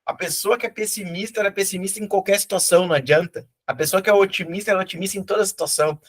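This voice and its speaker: Middle-aged southern brazilian guy, high voice, folksy motivational storytelling. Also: fairly even intonation, racing. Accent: southern Brazilian (gaúcho). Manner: folksy, acts out characters in anecdotes. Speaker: teacher and motivational speaker.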